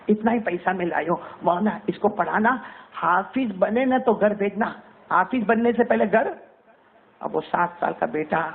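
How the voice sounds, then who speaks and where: A man's voice: high-pitched, creaky. A man preaching a sermon to women, telling a story dramatically and rising to cries when quoting. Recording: tinny phone-like sound.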